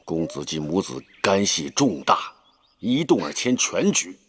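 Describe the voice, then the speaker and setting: An actor playing a calculating older male chancellor in a period TV drama, speaking in a measured, reasoning manner. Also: low voice, sing-song, husky, full character voice. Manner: measured and reasoning, turning stern.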